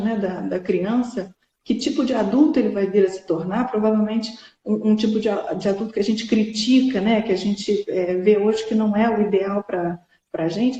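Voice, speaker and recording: A woman's voice: fairly high pitch, mellow, lo-fi sound. Earnest woman in an echoey room. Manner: earnest, many fillers and restarts, rising emphasis. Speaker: host. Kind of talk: casual live chat on parenting.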